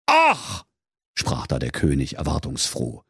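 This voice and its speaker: A man's voice: on the low side, big pitch swings, a little slow, darkish tone, breathy edge, no echo, clean studio sound. A man narrating a comic fairy tale for children in a playful storyteller's lilt.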